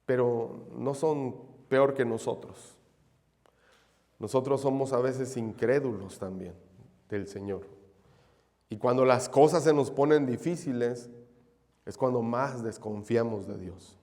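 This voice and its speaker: Slow-preaching man in an echoing church. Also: mid-range voice, darkish tone. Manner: addresses listeners as brothers, repeats key phrases. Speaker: pastor. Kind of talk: sermon. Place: church sanctuary.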